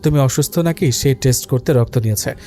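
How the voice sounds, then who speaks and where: A man voicing a worried young father who speaks softly and tenderly to his small son in an audio story. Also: medium pitch, fairly quick, soft background music, lightly acted.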